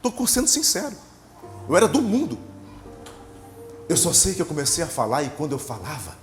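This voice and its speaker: A man, a pastor preaching a sermon and telling his testimony dramatically, acting out dialogue and rising to shouts. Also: on the high side, huge pitch swings, normal speed, soft background music. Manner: emotional, dramatic storytelling with acted dialogue, swelling to shouts.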